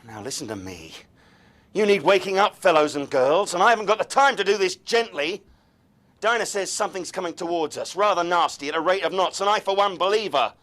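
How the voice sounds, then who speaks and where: A man speaking in a brisk, commanding way to a group. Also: lowish voice, lively intonation, a bit bright.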